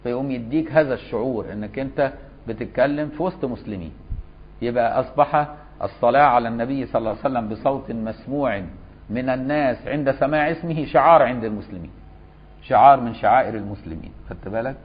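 Egyptian scholar explaining a religious text. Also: male voice, mid-range voice, fast talker. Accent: Egyptian Arabic. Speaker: Islamic scholar teaching a fiqh lesson. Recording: slightly dull lo-fi lesson recording.

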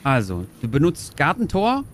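Excitable streamer woman, lively pitch. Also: moderate pace, a little hiss or hum. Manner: excitable, jokey, talks to viewers. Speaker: gaming streamer. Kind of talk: casual gameplay commentary.

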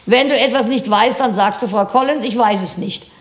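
A woman voicing an encouraging female schoolteacher who speaks to young pupils in a firm yet warm, coaxing way. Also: on the high side, normal speed, roomy sound, lightly acted.

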